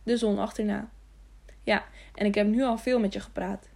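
A woman voicing a hurried, secretive young rider who gives brief replies. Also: medium pitch, fairly even intonation, vocal fry, a little mellow.

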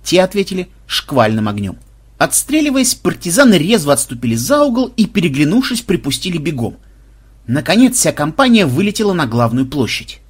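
A man narrating an action audiobook in an expressive manner. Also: fairly high pitch, fairly quick, breathy edge.

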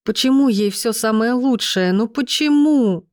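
A woman's voice: mid-range voice, animated, moderate pace, a little mellow, no room sound, studio quality, voice pushed up, lightly acted. A woman voicing a spiteful, envious young woman. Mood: bitter whining. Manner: spiteful, whining, raised voice. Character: scheming bitter young woman, envious sister.

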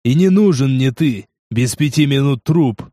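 A man voicing a cruel, cynical male gang boss in an audiobook, slow and contemptuous. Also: mid-range voice, expressive, mellow, no room sound, clean studio sound, close to an everyday voice. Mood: sneering. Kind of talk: audiobook character voice.

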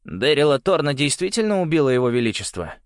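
A man's voice: a little high, sing-song, fast talker, clean tone, no room sound, clean studio sound, pitched above the performer's own voice. Rigel: a man doing a grim, blunt noble boy. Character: gloomy direct noble boy.

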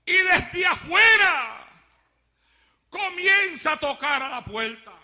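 A male pastor giving an impassioned sermon, shouting fiery lines and then dropping to low, quiet asides. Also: lively intonation, takes it slowly, soft background music.

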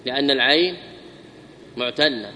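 A man giving a classroom grammar lesson, repeating examples slowly and putting questions to his students. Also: medium pitch, sharp tone, slight background noise. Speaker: teacher explaining grammar. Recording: long reverb hall.

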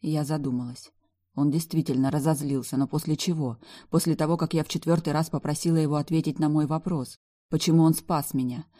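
A woman with a low, warm voice reads a first-person novel aloud as an audiobook narrator. Her delivery is brisk with fairly even intonation, and her storytelling is wry and emotional.

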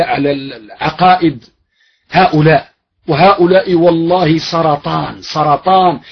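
Man, sermon, high-pitched, husky, emphatic, repetitive, dull lo-fi recording. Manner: emphatic, repeats phrases, rhetorical questions. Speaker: sheikh, preacher. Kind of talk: fiery religious lecture.

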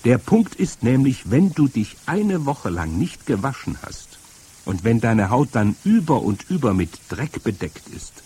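A man doing a stern husky old grandmother. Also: medium pitch, very animated, warm tone, voice pushed up, heavily acted. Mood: stern, lecturing. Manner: firm, lecturing, drawn-out emphasis. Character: stern old grandmother, matter-of-fact storyteller. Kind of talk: audiobook reading.

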